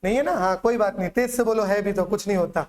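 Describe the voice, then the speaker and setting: A man with a high voice and a Chhattisgarh accent lectures fast in Hindi to a classroom. He quizzes students with repeated questions and memory tricks in call-and-response drills.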